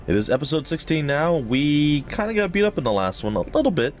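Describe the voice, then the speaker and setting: A man with a slightly wheezy, breathy-noisy voice giving casual, rambling, jokey commentary as host of a gaming let's play. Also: fairly high pitch, big pitch swings, a little fast. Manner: rambling, jokey, repeats phrases for effect.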